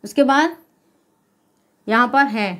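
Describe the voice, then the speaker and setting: A woman's voice: high-pitched, slow, fairly bright tone. A woman teacher explaining spelling step by step, patiently posing questions and then answering them herself. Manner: checks in with repeated "okay?". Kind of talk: spelling lesson.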